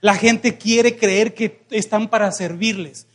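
Young man, Mexican Spanish accent, high voice, pastor's sermon, playful, asks the congregation for amens. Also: takes it slowly. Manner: lively, joking preacher who calls for congregation responses.

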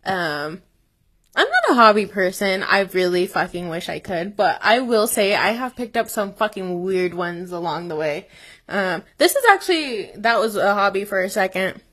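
A woman's voice: mid-range voice, very animated, moderate pace, fairly bright tone. A young woman co-hosting a casual podcast chat, laughing often, swearing casually and trailing off with fillers. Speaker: podcast co-host.

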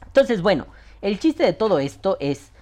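A high-pitched man in his thirties with a Mexican Spanish accent rants at normal speed as a show host. The monologue is casual and full of profanity, delivered animatedly with frequent impressions of other people.

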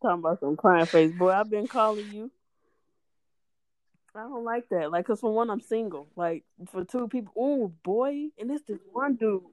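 A woman's voice: mid-range voice, normal speed. A woman in casual chat, telling stories with lots of cursing and laughter and acting out what people said. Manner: animated storyteller, cursing, laughing, acting out quotes.

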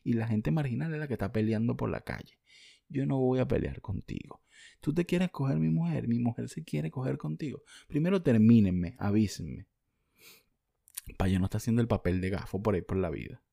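A man's voice: medium pitch, a little fast, gravelly, mellow, dry recording, clean studio sound. A young Venezuelan man ranting bluntly and profanely in a casual vlog, answering viewer comments. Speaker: vlogger.

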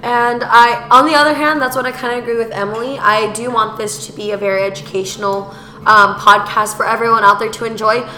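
Bright, echoey teen girl, slightly groggy from sickness. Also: on the high side, steady tone, a little fast. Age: teens, high school senior. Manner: enthusiastic. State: voice a little groggy from being sick. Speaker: student podcast co-host. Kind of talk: casual upbeat podcast chat. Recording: echoey room.

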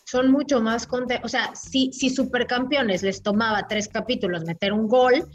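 A woman, co-hosting a casual film review chat, animated and full of restarts. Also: on the high side, moderate pace, crowd noise. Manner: animated, talks through restarts and fillers. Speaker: film podcast co-host.

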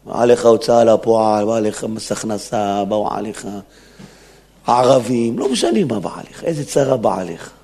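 A man's voice: fairly low pitch, animated, gravelly, warm tone, slightly rough. A man, a rabbi, giving an emphatic Torah sermon in a synagogue, acting out the quotes as he preaches. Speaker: rabbi giving a weekly lesson.

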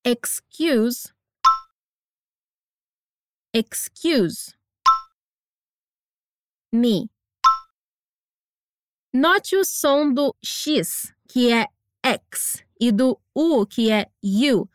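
High-voiced woman teaching English. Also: animated, no echo, studio quality. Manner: encouraging, slow deliberate pronunciation drills. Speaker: English teacher and podcast host. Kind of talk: scripted language lesson narration.

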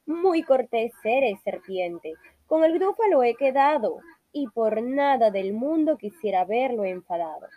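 A woman voicing a small, clever, boastful mouse who speaks slowly with a sly, playful manner. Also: a little high, very animated, no room sound, dull audio.

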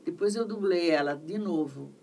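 A middle-aged woman with a Brazilian accent, a voice actress chatting in an interview, telling stories in an animated way and repeating herself for emphasis. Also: fairly low pitch, moderate pace, creaky. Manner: animated, repetitive storytelling. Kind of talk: casual interview chat. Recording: distant mic, faint background noise.

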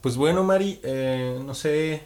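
A man's voice: a little high, takes it slowly, a loud crowd. A man hosting a podcast, wrapping up an episode with a friendly tone. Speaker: podcast host. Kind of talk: casual podcast sign-off.

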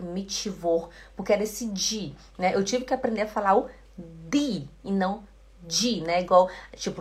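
A woman from Belém do Pará, Brazil, who has a Belém Portuguese accent, teaches German in a live-streamed lesson. In a mid-range voice, she drills words slowly for her learners and greets viewers by name.

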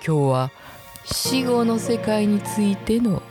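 A woman's voice: lively intonation, music in the background, exaggerated voice. A woman in her sixties doing a spooky voice as a guide to the afterlife, recording from her home closet. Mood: eerie. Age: 60s. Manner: slow, low, spooky delivery. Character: eerie woman host guiding listeners to the afterlife.

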